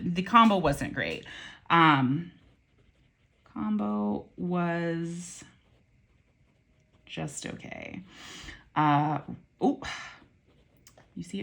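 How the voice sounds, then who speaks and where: Reviewing pens and inks on her casual vlog, she speaks low with some creak and a fairly bright tone. The talk rambles, peppered with ums and self-corrections, and she drops wry comments with the odd mild curse.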